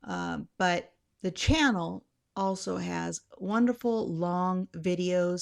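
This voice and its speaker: A middle-aged woman hosts a channel and shares anxiety tips in a chatty, casual way, rambling a bit and correcting herself along the way. Her voice is on the low side, gravelly, and a little mellow.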